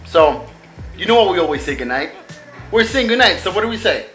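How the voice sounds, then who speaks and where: A man's voice: high-pitched, big pitch swings, fairly quick, fairly bright tone, soft background music, poor audio. A man talking casually to the camera as a family vlogger, chatty and friendly, speaking straight to his viewers. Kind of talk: casual vlog talk to camera.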